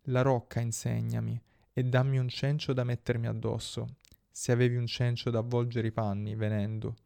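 A man voicing a weary shipwrecked wanderer who humbly pleads for help, in a solemn, measured recitation. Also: mid-range voice, flat delivery, vocal fry, dark tone, smooth, dry recording, close to an everyday voice. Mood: pleading.

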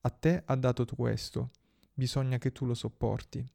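A gracious young princess who speaks with quiet authority, read by a man in a dark, gravelly voice. Her lines come in a solemn, measured way, with little rise and fall, as in an epic storybook reading. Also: mid-range voice, little pitch movement, lightly acted.

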